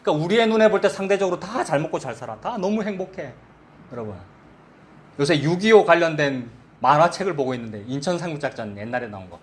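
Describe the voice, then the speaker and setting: A man's voice: a little high, expressive, quick pace. A middle-aged male pastor preaching a sermon in a conversational way, asking the congregation questions.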